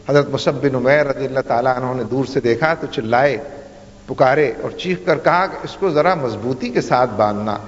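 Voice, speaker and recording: Preacher man in a booming hall. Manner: rhetorical, building repetitions, Arabic recitation. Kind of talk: sermon. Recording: dull sound with long hall reverb.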